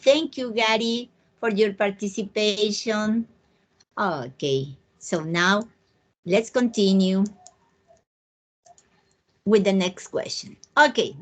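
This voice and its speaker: Profesora de inglés de voz aguda y pausada. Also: female voice, on the high side. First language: Spanish. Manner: slow, patient, switches between English and Spanish. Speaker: English teacher. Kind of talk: online English lesson.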